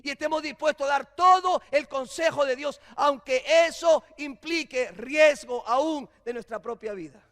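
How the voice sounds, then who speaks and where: A pastor preaches in a very high voice. He drops to near-whispers, then shouts his calls to the congregation. The long reverb of a church hall trails each phrase. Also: measured pace, hardly any pauses. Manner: swings from hushed lows to shouted calls. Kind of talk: sermon. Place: church sanctuary.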